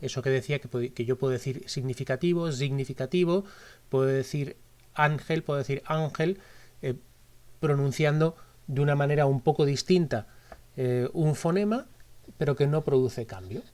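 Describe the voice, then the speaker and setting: A man's voice: mid-range voice, moderate pace, mellow. A man with a Spanish accent from Spain, teaching a recorded lesson. He explains step by step and often repeats himself or corrects his wording. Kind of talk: recorded lecture.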